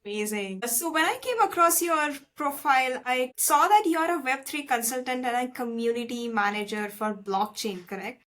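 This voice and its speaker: A woman's voice: high voice, normal speed, hardly any pauses, a bit bright. A woman hosting a podcast who asks her guest questions in an upbeat, encouraging way. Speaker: podcast host. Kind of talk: interview questions.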